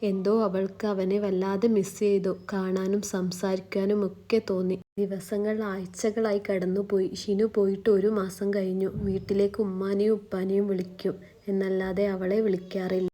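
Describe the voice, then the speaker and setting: A woman narrating a love story in a calm, measured way. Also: mid-range voice.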